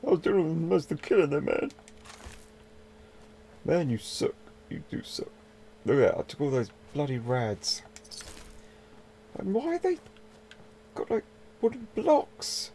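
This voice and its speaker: Young guy doing let's-play chat, slow and gravelly, mild swearing. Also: on the high side, huge pitch swings, mellow, a little hiss or hum. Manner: chatty, swears mildly, talks to game characters. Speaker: gaming video host. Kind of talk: casual let's-play commentary.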